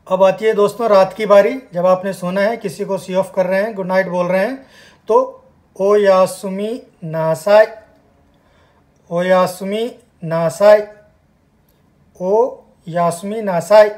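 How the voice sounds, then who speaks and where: Emphatic higher-pitched male language teacher. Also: steady tone, darkish tone. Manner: slow, emphatic repetition of words. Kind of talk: spoken language lesson.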